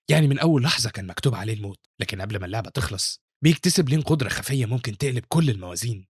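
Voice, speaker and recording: A man's voice: medium pitch, slightly rough, no echo, studio quality. A man with an Egyptian Arabic accent narrating a scripted manhwa recap as a dramatic storyteller.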